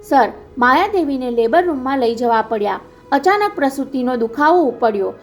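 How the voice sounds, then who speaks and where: A woman voicing a brisk, respectful hospital nurse who reports news plainly, in a storybook reading. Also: sits high, lively intonation, faint music behind. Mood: concerned. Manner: brisk, informative.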